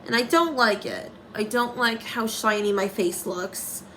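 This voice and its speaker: A woman's voice: fairly high pitch, a little slow, a bit bright, slight background noise, low-quality recording. A young woman talking through a casual makeup tutorial, rambling and commenting on herself, with dry sarcastic asides.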